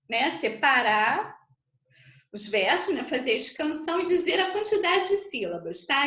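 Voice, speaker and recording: A woman's voice: high-pitched, fairly bright tone, reverberant. A Brazilian woman teaching an online literature class, explaining patiently and checking in with tag questions as she counts syllables aloud. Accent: Brazilian Portuguese.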